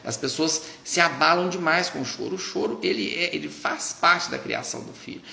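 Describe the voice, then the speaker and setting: A man's voice: a little high, brisk, vocal fry, sharp tone. A man with a Brazilian Portuguese accent, a pediatrician giving casual advice to parents in a chatty way, with many tag questions and restarts. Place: doctor's office. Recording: echoey room.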